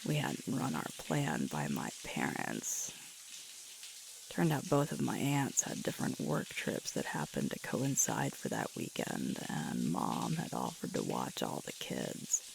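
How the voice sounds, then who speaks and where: In this intimate ASMR audio roleplay, a woman plays a tired, sore, sweet and playful young alpha werewolf girlfriend. She speaks slowly in an exaggerated, breathy murmur that often sinks to a whisper, halting with sighs and swinging very widely in pitch. A running shower hisses loudly the whole time.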